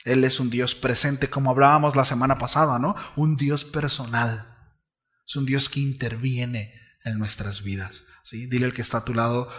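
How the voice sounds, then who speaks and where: A man preaching a sermon as pastor, conversational, often checking in with his congregation, shifting between soft asides and loud, emphatic declarations. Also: medium pitch.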